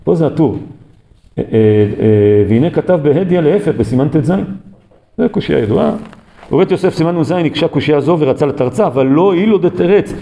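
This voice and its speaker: A man giving a recorded Torah lesson, speaking haltingly with many drawn-out filler sounds. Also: a little high, lively intonation, creaky, dark tone. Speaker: Torah teacher.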